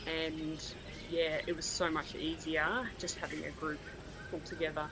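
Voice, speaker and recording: A man's voice: on the high side, level tone, measured pace, creaky, poor audio. A man chatting casually about cycling as a co-commentator on a livestream. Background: music.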